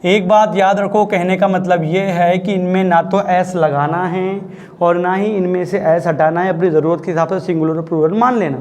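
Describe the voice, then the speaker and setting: In this classroom lesson, a man teaches English grammar in a relaxed, talkative way, often pausing to check that his students follow. His voice sits high and is slightly mellow, with a steady tone and a normal pace.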